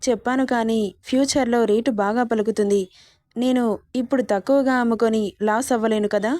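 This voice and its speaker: A woman narrating a romantic story, reading every character's lines herself in the same steady voice. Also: a little high, brisk, dry recording, studio quality. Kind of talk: narrated romance audiobook, voicing all characters.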